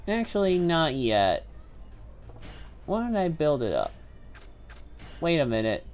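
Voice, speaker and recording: A woman's voice: low voice, big pitch swings, slow pace, a little mellow. A woman streaming a video game, thinking aloud in casual, jokey commentary.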